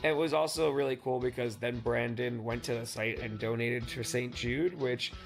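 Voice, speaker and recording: A man's voice: mid-range voice, fairly even intonation, moderate pace, vocal fry. A man narrating his travel vlog in a casual, joking, self-deprecating way. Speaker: vlogger recapping a fundraising tour. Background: background music.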